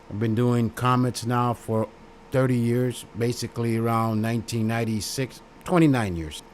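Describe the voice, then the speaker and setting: A middle-aged man with a Chicago accent, talking plainly and bluntly to his viewers. His pitch sits in the middle of the male range, and he hammers his points home by saying them again and again in short, simple phrases. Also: darkish tone, a little hiss or hum. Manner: blunt and plain-spoken, repeats phrases for emphasis. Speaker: YouTube host. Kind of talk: casual direct-to-camera commentary.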